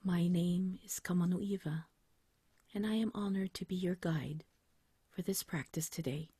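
A woman guiding a meditation like a sleep story narrator, in a soft, whispery, breathy voice with a gentle, soothing, unhurried manner. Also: fairly low pitch, no room sound. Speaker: meditation guide.

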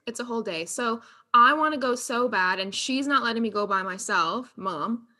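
A woman co-hosting a chat show, telling her side of a trip story in an animated way and laughing often. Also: on the high side.

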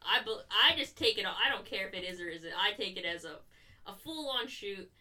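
A woman's voice: mid-range voice, lively intonation, normal speed, sharp tone, recorded from a distance. A woman co-hosting a podcast in casual, profane, sarcastic chat, laughing often. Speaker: podcast co-host reviewing wrestling.

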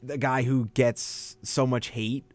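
Young male sports radio host, easygoing, dry close studio sound, medium pitch. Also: slow, no echo. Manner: relaxed, laid-back, says "man" and "dude" often. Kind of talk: casual sports talk.

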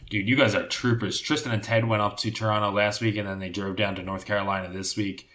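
Guy hosting a casual podcast, kinda low voice, echoey room. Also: level tone, quick pace, a bit bright. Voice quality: echoey sound. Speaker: podcast host. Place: new home studio still being set up.

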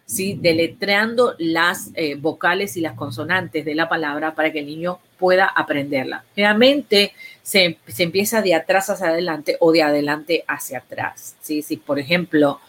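A woman's voice: sits low, a bit bright, slight background noise. Patient woman explaining speech therapy. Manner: patient, instructive, slow deliberate examples.

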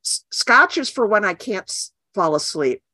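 A woman's voice: medium pitch, big pitch swings, pushed and bright, no echo. A woman artist as a guest in a casual interview, frank and wry. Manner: frank, wry, quick to agree.

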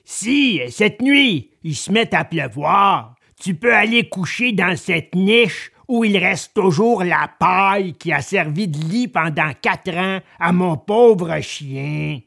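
Gruff angry farmer man, stern and scolding, storybook voice, done by a woman. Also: on the low side, animated, slow, few pauses, a bit bright, exaggerated voice. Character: gruff, angry middle-aged male farmer.

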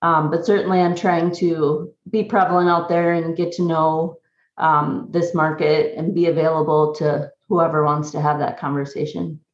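A woman with a lowish voice, a consultant guesting on a podcast interview. She speaks in a measured way with frequent pauses and ums. Her audio sounds roomy and dull, like a remote call. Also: level tone. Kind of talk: casual interview chat.

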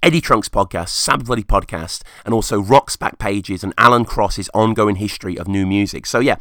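Low, rusty-voiced man, casually podcasting. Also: brisk, bright, forceful tone, no echo, clean studio sound. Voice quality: rusty, hoarse voice. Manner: enthusiastic, informal. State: hungover, croaky. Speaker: music podcast host. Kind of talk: casual rambling solo podcast talk.

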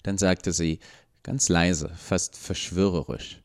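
A man reads a story aloud in a calm, measured way, his voice sitting very low. The narration is scripted and steady. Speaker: podcast narrator.

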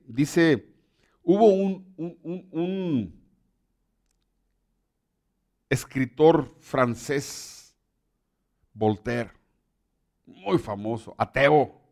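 A male preacher delivers a sermon in a fairly high voice. He talks emphatically, often doubling words and restarting his sentences as he builds his points. His loudness rises and falls with his emphasis.

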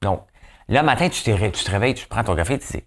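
A man's voice: fairly low pitch, animated, fast, a bit bright. A man with a Québécois accent hosting a podcast in casual, playful commentary, often tossing in a questioning "hein?". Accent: Québécois French. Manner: playful, chatty, keeps asking "hein?". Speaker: podcast host.

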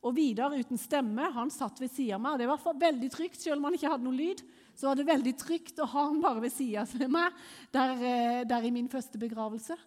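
A Norwegian woman preaches in a large meeting hall. She tells a personal testimony with animated storytelling. Her voice sits somewhat high, and a long reverb trails after it. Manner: animated storytelling, quick rises when excited.

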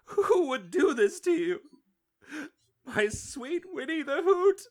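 A man's voice: sing-song, slow, exaggerated voice. A man voicing a small, grieving male halfling who sobs and vows revenge. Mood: sobbing grief. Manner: wailing, high-pitched sobs. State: crying.

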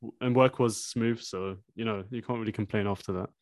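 A man's voice: lowish voice, steady tone, brisk, darkish tone, dry recording. Young guy w roadman n slang, chatting on a podcast, dry sound. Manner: roadman-style London slang. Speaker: podcast co-host. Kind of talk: casual chat.

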